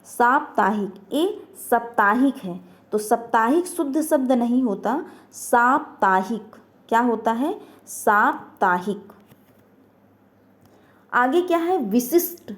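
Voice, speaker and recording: A woman's voice: fairly high pitch, animated, measured pace. A woman teaching an online grammar lesson, asking questions and answering them herself, repeating each word.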